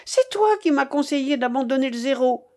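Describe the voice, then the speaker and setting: Role: bossy elderly grandmother gambler in an audiobook, put on by a woman reader, high and loud, swinging in pitch. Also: expressive, fairly quick. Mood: furious. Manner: bossy, barking orders. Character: imperious old grandmother gambler, impatient and hot-tempered. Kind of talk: audiobook character voice.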